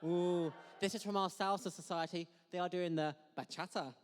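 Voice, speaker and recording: A man's voice: high voice, fairly even intonation, normal speed. A man hosting a show, introducing the next acts in a playful, theatrical way. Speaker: show host. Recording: distant in an echoey hall.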